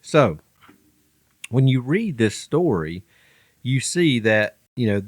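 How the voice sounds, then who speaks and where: Southern man, mid pitch, casual podcast co-host reading scripture, dry close sound. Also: very animated, slow pace, no room sound. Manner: reads scripture aloud, stumbling now and then. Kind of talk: casual Bible study chat.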